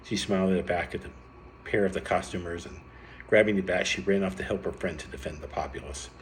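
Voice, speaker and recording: Deep-voiced man reading a story. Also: quick pace, slight background noise. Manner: lively read-aloud with bursts of raised pitch and some stumbles.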